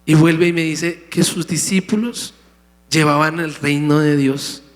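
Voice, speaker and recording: A man's voice: fairly high pitch, fairly even intonation, measured pace. A pastor preaching a sermon, emphatic, calling out to his congregation in a church sanctuary. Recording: long hall reverb.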